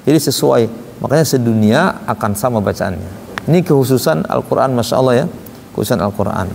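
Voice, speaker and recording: A man's voice: mid-range voice, lively intonation, a little fast, gravelly, a little mellow, slight background noise. A male teacher giving a lesson on pronouncing Arabic letters, demonstrating each sound and leading group drills in a patient, explanatory way. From Indonesia. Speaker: Quran recitation teacher. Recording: long reverb, faint ambience.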